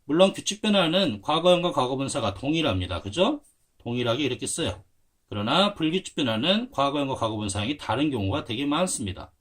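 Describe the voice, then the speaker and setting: Standing at a whiteboard, a man patiently teaches English grammar to Korean learners, spelling words letter by letter. His mid-range, slightly bright voice swings widely in pitch and moves a little fast.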